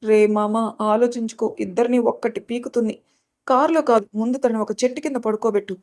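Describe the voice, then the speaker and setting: A jumpy young man, fretful and jokey, his voice pushed a little higher when he pleads, played by a woman reading the story. He rattles on with worry. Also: steady tone, fast talker, a little mellow, close to an everyday voice. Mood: nervous pleading. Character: nervous young male student, jokey sidekick.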